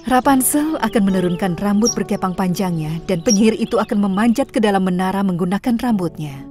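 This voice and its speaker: A woman narrating a fairy tale for a cartoon in an even, clear scripted storybook voice. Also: mid-range voice. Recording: studio voice-over with music bed.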